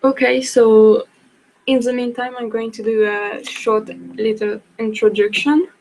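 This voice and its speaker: A woman's voice: fairly high pitch, steady tone, measured pace, a little mellow, low-quality recording. A young woman from France with a French accent, a non-native speaker, apologizing often and restarting sentences as she presents a live online workshop. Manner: apologetic, hesitant, many restarts.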